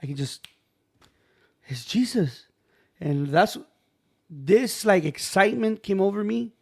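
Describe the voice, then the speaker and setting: Animated man telling a story, higher voice. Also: takes it slowly, vocal fry. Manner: animated, acts out quoted voices, says "bro" and "man" often. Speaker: podcast host telling a personal story. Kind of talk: casual storytelling.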